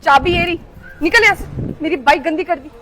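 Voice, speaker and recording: Speaking fairly quickly over background noise, a woman performs a skit role: a scornful, snobbish young woman who looks down on the poor. She scolds them with contempt, breaking into shrill outbursts in a melodramatic style.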